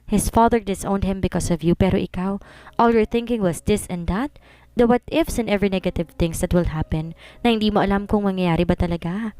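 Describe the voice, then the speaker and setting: A woman's voice: medium pitch, brisk, dark tone, smooth, dry recording, lightly acted. A woman voicing a frank young female cousin who lectures firmly. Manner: lecturing, firm.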